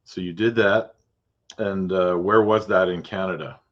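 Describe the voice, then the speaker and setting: Speaking low and with fairly even intonation over lo-fi audio, this man hosts a podcast and sells real estate. His casual interview style is talkative, full of meandering questions he breaks off to reword, punctuated by brief acknowledgments.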